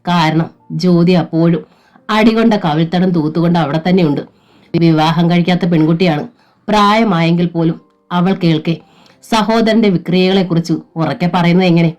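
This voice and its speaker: A woman with a fairly low voice reads a family thriller novel aloud, steady and dramatic. Soft music plays faintly underneath. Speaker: narrator. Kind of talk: scripted audiobook narration.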